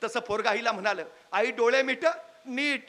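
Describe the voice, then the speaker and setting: A man's voice: very high-pitched, a little fast, bright, forceful tone. A man giving a public lecture, telling a moving story with dramatic rises into impassioned peaks. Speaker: public speaker. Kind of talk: Marathi oratory lecture with storytelling.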